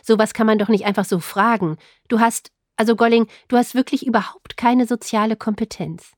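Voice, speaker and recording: A woman's voice: fairly high pitch, steady tone, fairly quick, no echo, close to an everyday voice. A woman reading the lines of an eccentric, blunt father nearly eighty, in a dry, indignant, self-satisfied manner.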